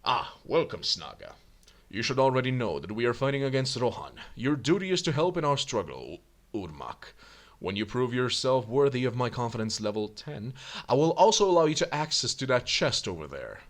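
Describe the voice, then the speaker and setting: A man's voice: mid-range voice, very animated, fairly quick, lightly acted. A man voicing a haughty old male wizard lord in a video game, reading the lines in a mock-grand tone. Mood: pompous.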